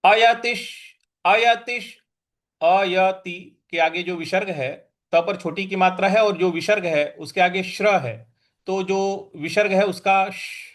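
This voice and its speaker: A man teaching pronunciation of a Sanskrit verse. He chants each word slowly and then explains the rules quickly. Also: sits high, fairly even intonation. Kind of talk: slow recitation lesson with pronunciation drills.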